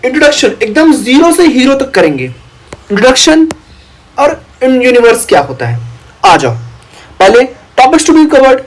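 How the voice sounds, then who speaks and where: A man's voice: high-pitched, rough recording. A young man teaching an online exam-prep lecture, talking playfully and teasing his students as their big brother.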